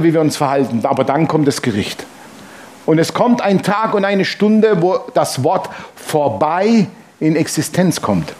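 Male pastor with a high voice, preaching emphatically with questions to the crowd and wry asides. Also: a little mellow. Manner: jokes and asides while reading scripture aloud. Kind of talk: sermon.

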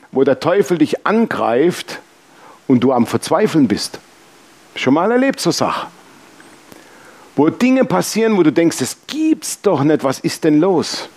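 A man preaching a sermon, telling lively personal stories and acting out the dialogue. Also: on the high side. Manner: lively storytelling, acts out dialogue. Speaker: pastor.

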